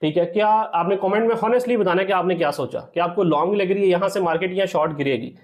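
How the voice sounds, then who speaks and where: A man with a high-pitched voice and quick pace teaches a trading strategy over a screen recording. He often asks "theek hai" and refers to his viewers as "sir."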